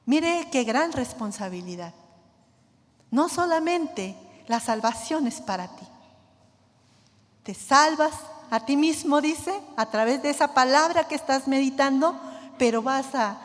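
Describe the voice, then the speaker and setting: A middle-aged woman gives an earnest church devotional, her voice sitting fairly high. The sound carries a long hall reverb around her. She speaks with personal conviction to the congregation. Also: lively intonation, measured pace. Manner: earnest, addresses listeners as brothers and sisters. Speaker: church member sharing a devotional. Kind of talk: sermon testimony and prayer.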